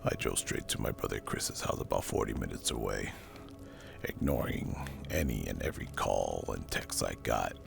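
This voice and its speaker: A man narrating a scripted first-person horror story as hushed ASMR, with a breathy, gravelly, spooky delivery. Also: very deep voice. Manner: slow, hushed, deliberate and spooky. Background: music.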